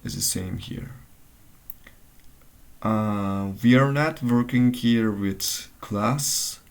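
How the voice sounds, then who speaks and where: A man talks slowly through a coding walkthrough, thinking aloud as he goes. His voice has a gravelly edge and he often stops to search for words or trails off mid-sentence. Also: on the low side. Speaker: tutorial maker.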